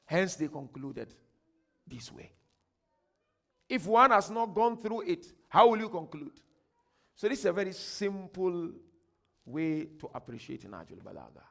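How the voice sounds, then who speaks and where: Here a Ghanaian man lectures at a religious workshop in Ghanaian-accented English, emphatic in his declamations, grand and unhurried when reading quotations, and soft in his asides. His voice is high, very animated and creaky.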